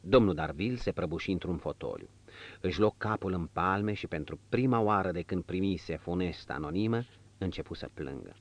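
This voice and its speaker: Low-voiced man reading an audiobook. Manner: dramatic, expressive reading. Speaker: audiobook narrator. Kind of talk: scripted narration. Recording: dull dry lo-fi audio.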